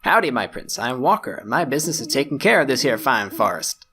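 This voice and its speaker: Hammy drawling southern ranger guy, as a man fakes it, folksy and friendly, kinda gravelly voice. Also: medium pitch, sing-song, brisk, pushed and bright. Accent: put-on Southern US drawl. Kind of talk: reading game dialogue aloud in voices.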